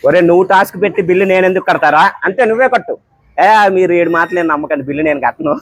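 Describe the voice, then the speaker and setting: A man bantering and teasing people at a tea stall, joking and exclaiming loudly. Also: high voice, racing, dry recording. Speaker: vlogger. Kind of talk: playful street banter.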